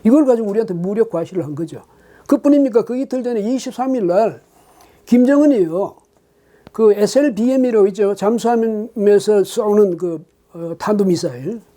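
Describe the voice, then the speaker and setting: A man's voice: high voice, normal speed, mellow. A man hosting his own political commentary show, talking alone with emphatic rhetorical questions and frequent hesitant fillers.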